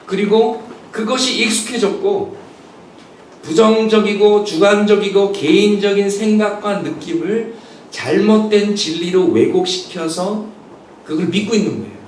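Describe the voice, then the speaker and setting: A man's voice: sits high, unhurried, darkish tone, a little hiss or hum. A man preaching a Sunday sermon as pastor, earnestly acting out the questions and voices he quotes. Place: church sanctuary. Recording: echoey church hall picked up from a distance.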